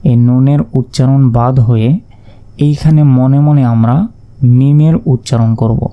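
A man teaching Quran reading in a step-by-step lesson, slowly spelling out letters and vowel marks one by one. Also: medium pitch, fairly even intonation, clean tone, narrow, tinny audio.

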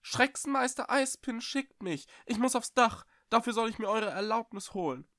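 A man's voice: very high voice, animated, normal speed, a bit bright, dry recording, studio quality, voice pushed up, exaggerated voice. A man voicing a small young cat in a storybook reading, putting on a bold, cheeky front. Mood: defiant. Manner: defiant, cheeky. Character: young cat, brave but nervous.

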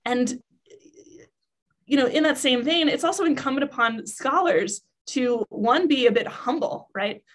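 A woman speaking as a guest academic in an interview, measured and reflective, with light fillers. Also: high voice, fairly bright tone. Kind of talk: conversational interview.

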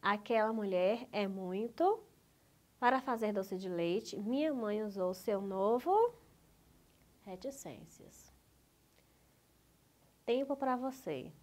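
Slow, patient Brazilian teacher woman. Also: medium pitch. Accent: Brazilian Portuguese. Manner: patient, drawn-out, coaxing. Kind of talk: slow, clear school lesson for young children.

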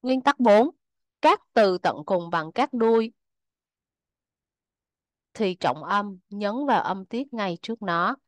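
Vietnamese lady teacher reading rules n example words really slowly, dry close sound. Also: medium pitch, expressive, dry recording. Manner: reads rules, then says example words one by one. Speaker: English teacher. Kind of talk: reading out a pronunciation lesson.

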